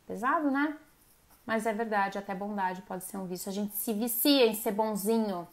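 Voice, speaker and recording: A woman's voice: medium pitch, moderate pace. A woman hosting a live stream. She gives a casual motivational talk and speaks straight to her viewers. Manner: conversational, addresses viewers directly and acts out quoted voices.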